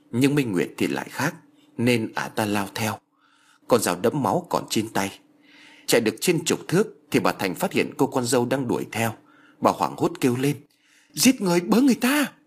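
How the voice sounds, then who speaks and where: A man's voice: on the low side, slightly rough. A man narrating an audiobook story in a dramatic manner. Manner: dramatic, swings into character voices.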